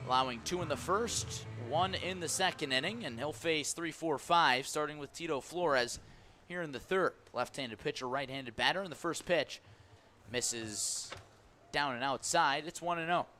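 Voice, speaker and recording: A man with a voice on the high side and a sharp tone calls baseball play-by-play live on the radio at a moderate pace, using short, clipped, vivid phrases. The live ballpark broadcast carries background noise and faint music.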